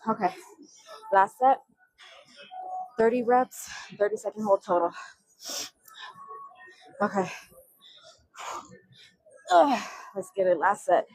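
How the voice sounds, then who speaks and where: A woman's voice: mid-range voice, slow pace, pauses often, a little mellow, no room sound, poor audio. A young woman vlogging her workout in a gym, out of breath and counting reps with strained grunts. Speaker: fitness vlogger.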